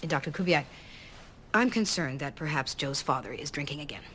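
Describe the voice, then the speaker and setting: A blunt, wry older social worker. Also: female voice, low-pitched, animated, a little fast, a bit bright, a little hiss or hum. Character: brisk, dry-witted older woman social worker.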